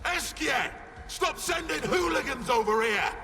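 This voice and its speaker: A grumpy old turtle from a video game, guarding his lair like a hoard-guarding dragon. The voice is very high, bright and forceful, indignant and blustering, drenched in long cave reverb with music behind. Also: lively intonation, a little slow, exaggerated voice. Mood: indignant, scornful. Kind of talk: video game character acting.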